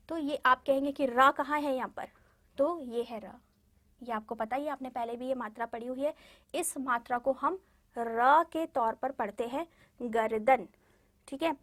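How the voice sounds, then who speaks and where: A woman teaching a class of children, speaking in a high, clear voice. She goes slowly and patiently, repeats each word for the pupils to echo back, and keeps checking that they follow. The sound is dry and close, with no room echo. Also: fairly bright tone. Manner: frequent "ठीक है" check-ins and fillers. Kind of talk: classroom lesson addressed to children.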